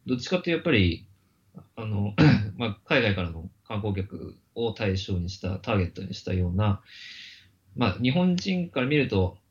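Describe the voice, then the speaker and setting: A man's voice: fairly low pitch, very animated, highs cut off. A middle-aged man speaking politely and steadily as a guest, with frequent fillers. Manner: polite, measured, many fillers. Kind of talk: casual conversational interview. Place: Kyoto.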